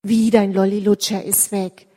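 A woman's voice: mid-range voice, flat delivery, normal speed, mellow, lightly acted. A woman telling a children's story, voicing a caring schoolgirl friend who reassures and offers help, recorded in an echoey hall. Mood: reassuring.

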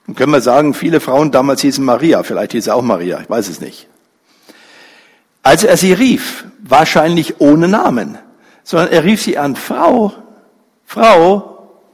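A man's voice: animated, breathy edge. A man preaching a sermon, telling a story dramatically and briefly acting out the people in it. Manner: slow, pausing delivery with wide pitch swings. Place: church hall. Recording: reverberant church hall.

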